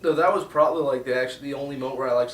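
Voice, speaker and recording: A man's voice: medium pitch, racing, a bit bright. A young man co-hosting a casual movie chat with dry, sardonic asides. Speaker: co-host. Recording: roomy echo, distant mic, faint noise.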